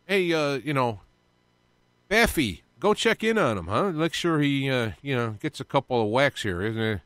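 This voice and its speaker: A gleeful, scheming male devil voiced by a man speaks in a high, mocking voice that climbs far above the speaker's usual low register. The sound is close and dry, with no room around it. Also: lively intonation, normal speed, fairly bright tone, smooth, dry recording, close to an everyday voice.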